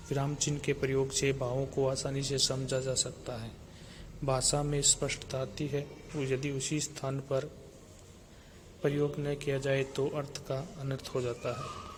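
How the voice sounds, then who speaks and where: A man's voice: mid-range voice, background noise. A man teaching a grammar lesson for exam preparation, listing terms steadily and repeating key words.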